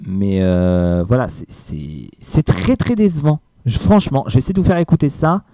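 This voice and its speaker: A man's voice: mid-range voice, lively intonation, moderate pace, dark tone, dry recording. A man giving a casual film review, hesitant with many fillers and emphatic asides.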